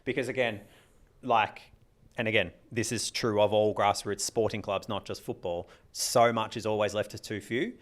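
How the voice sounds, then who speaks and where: A man chatting on a podcast in a fairly low voice. He rambles, restarts his sentences and laughs along the way. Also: fairly even intonation, moderate pace. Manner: rambling, self-interrupting, often laughing. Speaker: podcast co-host and club organiser. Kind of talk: casual podcast chat.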